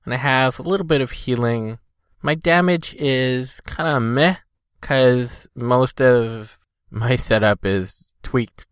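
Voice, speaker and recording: A man's voice: medium pitch, fairly bright tone, smooth, no echo, studio quality. A man hosting a casual solo podcast, rambling informally, congested with a cold and talking a little thickly from a swollen tongue. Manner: informal, loosely hedged rambling. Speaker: podcast host.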